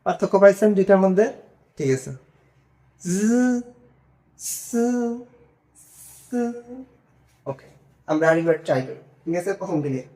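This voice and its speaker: Speaking fast in a mellow, mid-range voice, a Chinese pronunciation teacher works through single sounds one by one during an online class, patiently and with regular checks that students follow.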